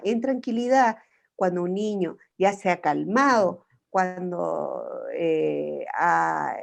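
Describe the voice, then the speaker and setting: A woman's voice: mid-range voice, creaky. A woman, a psychologist giving an online parenting talk over a video call, explaining step by step with frequent rhetorical tag questions. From Chile.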